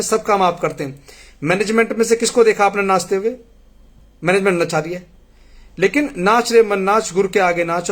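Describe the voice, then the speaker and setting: A man hosting a live stream, reading viewer messages and answering them in an earnest, argumentative way. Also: high-pitched.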